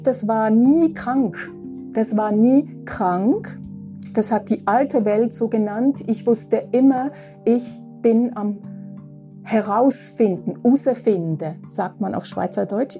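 A woman nearing sixty speaks in a slightly raised, very mellow voice. She talks unhurriedly through a reflective spiritual monologue, often pausing to ask "ja?", with faint guitar music behind her. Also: on the high side. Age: 50s. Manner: slow, reflective, with frequent asking "ja?". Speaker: podcast host.

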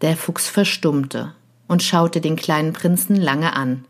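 A woman reading a children's story aloud as narrator, in a calm, measured way. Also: low voice.

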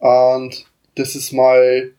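A man's voice: mid-range voice, monotone, drawn-out words, warm tone, low-quality recording. A man as a guest on a casual podcast chat, speaking hesitantly and restarting his phrases. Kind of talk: casual round-table chat.

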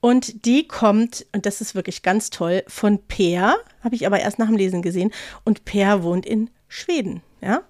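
Expressive woman podcast host. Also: medium pitch, moderate pace, no room sound. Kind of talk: casual chat and reading stories aloud.

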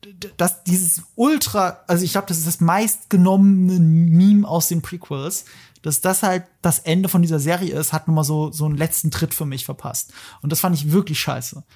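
A man hosting a podcast and chatting casually, animated and opinionated, with emphatic asides. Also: on the high side, normal speed. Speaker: podcast host. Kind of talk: casual discussion.

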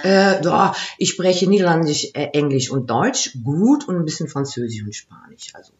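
A woman's voice: deep voice, lively intonation, moderate pace, a little mellow, dull audio. A woman in her fifties from the Netherlands with a Dutch accent, a guest in an interview, chatty and laughing easily. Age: 50s. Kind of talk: interview conversation.

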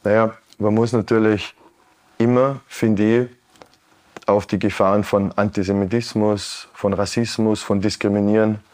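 A man in his late thirties from Tyrol with a Tyrolean Austrian accent, answering earnestly and thoughtfully in an interview, with many pauses and restarts. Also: fairly low pitch, level tone, a little mellow. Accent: Tyrolean Austrian German. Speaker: guest, Anne Frank House educator. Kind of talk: broadcast interview.

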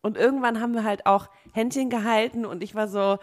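A woman's voice: a little high, steady tone, a little fast. A young woman co-hosting a chatty podcast, telling a story in a rambling way, full of fillers and laughter. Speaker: podcast co-host. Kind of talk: casual chat.

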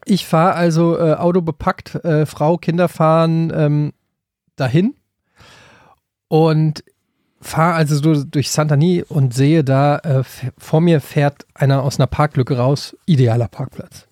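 A man from Frankfurt tells a story on a podcast, his voice sitting a little high for a man. He rambles and restarts, then gets heated. The sound is close and dry, with no room in it. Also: fairly even intonation, unhurried, a little mellow, no echo. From Frankfurt, Germany. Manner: rambling, with many restarts and hesitations, getting worked up as the story builds. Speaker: podcast co-host. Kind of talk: casual storytelling chat.

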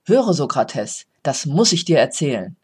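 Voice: mid-range voice, sing-song, unhurried, a little mellow, breathy edge, exaggerated voice. Storyteller doing a hesitant, stammering gossip. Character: eager male gossip, later unsure.

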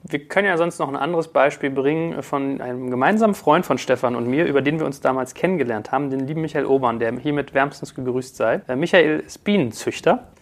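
A man hosting a podcast in casual conversation, reading out listener questions and telling jokey anecdotes. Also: mid-range voice. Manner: brisk, jokey storyteller.

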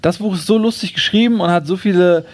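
A man's voice: high-pitched, quick pace, no echo. A man casually presenting a book and reading from it, speaking with many hesitations.

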